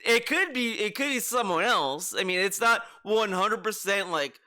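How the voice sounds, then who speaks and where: Bright, forceful man ranting casually. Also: high-pitched, lively intonation, normal speed. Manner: exasperated, mocking, profane ranting. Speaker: online commentator. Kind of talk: casual commentary rant.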